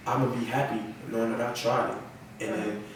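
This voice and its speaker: Gravelly and mid-range, the voice of this young adult man stays fairly flat in pitch at a moderate pace. He's a rapper from North Carolina, United States, chatting casually with slang in a podcast interview and frequently saying "you feel me." A far-off mic captures him in a noisy, echoey room.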